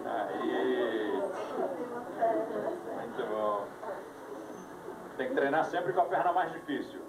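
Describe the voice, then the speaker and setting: A man's voice: mid-range voice, animated, slow, over a noisy crowd, heavy background noise. A man leading a live yoga class, giving instructions with dry jokes, heard on an old VHS tape recording. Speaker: yoga teacher. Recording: echoey room, voice from far off, music behind, old VHS tape.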